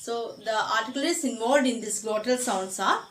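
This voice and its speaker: A woman with a Malayali accent giving a phonetics lecture. She mixes English and Malayalam, repeats key terms, and often pauses on "uh" and "okay.". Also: fairly high pitch, lively intonation, a bit bright, echoey room, rough recording. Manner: switches between English and Malayalam mid-sentence, repeats key terms slowly; frequent "uh" and "okay" fillers, self-corrections. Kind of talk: recorded lecture.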